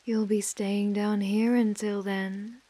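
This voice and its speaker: In an ASMR role-play, a British woman plays a possessive, obsessive mafia heiress who holds someone captive, speaking with controlling, condescending affection in a menacingly tender mood. Her mid-pitched voice is flat, slow, and dark, with no room sound.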